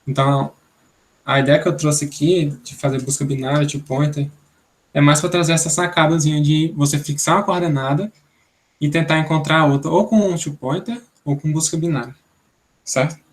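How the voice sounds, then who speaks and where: A man's voice: on the high side, fairly even intonation, normal speed. A young man from Brazil teaching an online programming class, thinking aloud step by step and checking in with "né?". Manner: explanatory, thinks aloud, many "né?" tags. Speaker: instructor.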